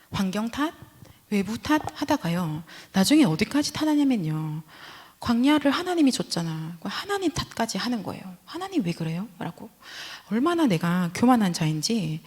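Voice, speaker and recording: A woman preaching a sermon with a lively, swooping pitch and a slightly husky tone. She often slides into soft, whispered asides. Her voice carries a long reverb, as in a church sanctuary.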